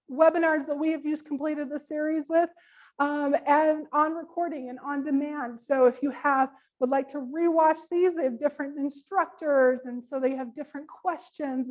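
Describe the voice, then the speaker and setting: High-pitched woman running a business webinar, casual, lots of ums, kinda losing her voice. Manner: casual, many ums, friendly instructions. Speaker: business workshop presenter. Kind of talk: live webinar workshop.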